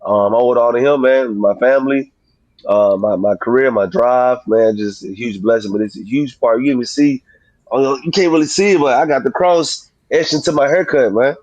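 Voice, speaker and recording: A man in his thirties chatting casually as an interview guest, using relaxed slang, with slurred, slushy s sounds. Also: medium pitch, moderate pace, no room sound, highs cut off. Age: 30s. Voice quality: slurred, slushy sibilants from a mouth grill. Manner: informal, slangy, frequently saying "man". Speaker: professional boxer, interview guest.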